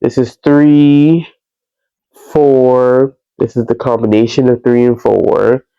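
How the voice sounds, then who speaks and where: A man chatting casually like a crafting vlogger, congested with a cold, sniffing and breathing through his mouth, in a halting, stop-and-start way. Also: medium pitch, flat delivery, mellow, smooth, no room sound. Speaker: podcast host. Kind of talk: casual crafting vlog chat. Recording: slightly dull, lo-fi sound.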